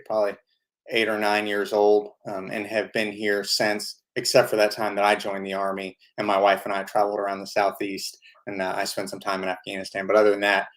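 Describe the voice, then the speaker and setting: A man in his thirties hosts a casual live-stream question session. His voice sits slightly low, and he tells his stories in a relaxed, rambling way, filling the gaps with plenty of small fillers. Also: fairly quick, vocal fry. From United States. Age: 30s. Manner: easygoing storytelling with frequent fillers. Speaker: channel host answering viewer questions.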